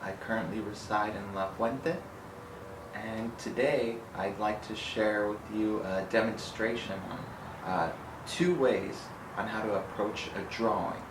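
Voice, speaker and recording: A young man from Southern California narrating a drawing demonstration as an art instructor, measured and explanatory with hesitant fillers. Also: on the low side, fairly even intonation, noisy background.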